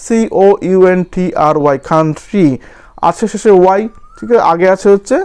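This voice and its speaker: A man's voice: high-pitched, moderate pace, darkish tone, clear, resonant tone. A man teaching a grammar lesson, spelling words out letter by letter and often checking that students follow. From West Bengal.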